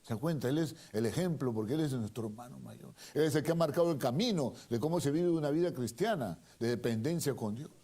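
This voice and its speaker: A man preaching a sermon and reading a Bible passage aloud, with emphatic repetition that moves between hushed asides and loud stressed lines. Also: medium pitch, slightly rough. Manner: reads the Bible aloud slowly and dramatically.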